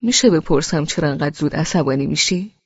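A woman reading the lines of a sardonic man in an audiobook, in a husky, gravelly voice with a teasing, needling manner. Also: deep voice, lively intonation, muffled recording, pitched below the performer's own voice. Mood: mocking. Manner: teasing, needling, then shouting. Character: sardonic adult man, mocking then angry.

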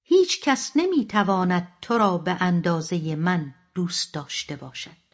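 A woman's voice: on the low side, sing-song. A woman voicing a shaken, pleading husband. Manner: shaky, tense pleading. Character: troubled middle-aged husband, pleading then angry. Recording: dull lo-fi audiobook recording.

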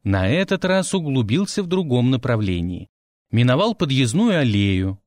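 A man reading a fantasy audiobook aloud in the first person, with a wry, animated storytelling manner. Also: mid-range voice, normal speed, dry recording, clean studio sound. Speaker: audiobook narrator. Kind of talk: expressive audiobook narration.

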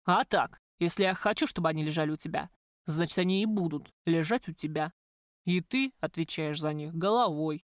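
A woman voicing a cruel, coarse male crime boss who speaks in gruff threats. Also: deep voice, brisk, no room sound, studio quality, lightly acted. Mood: menacing.

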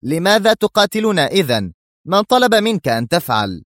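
A man's voice: mid-range voice, expressive, fairly quick, no room sound, clean studio sound, voice pushed up, natural voice. A man reading a story, voicing a stern, gloating mercenary general who gets angry. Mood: furious. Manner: firm, angry bursts.

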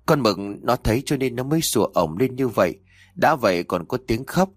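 A man's voice: mid-range voice, animated, brisk, dry recording, studio quality, lightly acted. A man voicing a timid young male sidekick who stammers and trembles with fear. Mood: frightened.

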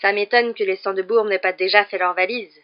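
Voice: medium pitch, fairly even intonation, fast talker, lightly acted. A reader putting on a smug sneering schoolboy. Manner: taunting, gloating. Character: sneering boy pupil, spoiled and smug. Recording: dull lo-fi recording.

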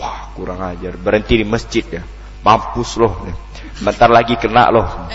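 A man voicing an angry, vengeful middle-aged male driver who grumbles in a gruff, indignant way. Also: medium pitch, animated, brisk, fairly bright tone, soft background music, close to an everyday voice. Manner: gruff, indignant colloquial muttering. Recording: long hall reverb, dull lo-fi sound.

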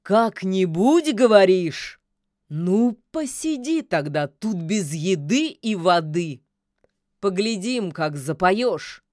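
A woman's voice: fairly low pitch, sing-song, measured pace, no echo. Storybook villain: a bored, temperamental male immortal sorcerer who growls commands, read by a woman, dry audiobook sound. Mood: roaring. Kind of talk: audiobook character voice.

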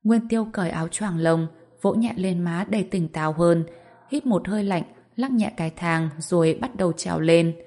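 A woman narrates a story in a calm, even way. Her voice sits somewhat low for a woman. The reading is steady and scripted. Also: moderate pace.

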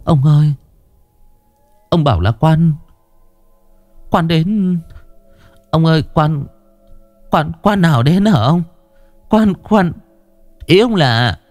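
A man's voice: expressive, a little slow, no echo, faint music behind. A man voicing a skinny young male servant, groveling and stammering in fright. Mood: frightened pleading. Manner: stammering, pleading, high-pitched.

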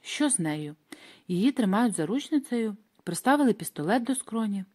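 A woman reads a first-person audiobook aloud at a mid pitch. Her delivery is dramatic and expressive, and she leans into the tense moments. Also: moderate pace. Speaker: audiobook narrator.

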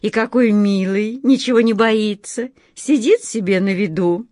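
A woman's voice: medium pitch, measured pace, darkish tone, dry recording, studio quality, lightly acted. A woman reading a storybook, voicing a sly, predatory female yard cat with a smug, purring, teasing manner. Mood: curious.

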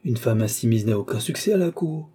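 A man voicing an irascible aging nobleman scolding his daughter in an exasperated, sharp manner. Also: mid-range voice, animated, a little fast, husky.

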